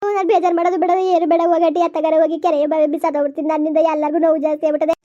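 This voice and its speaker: A woman's voice: very high-pitched, flat delivery, rapid-fire, warm tone, lo-fi sound. A woman playing a tearful young village wife who complains about her husband in a comedy skit. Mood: aggrieved.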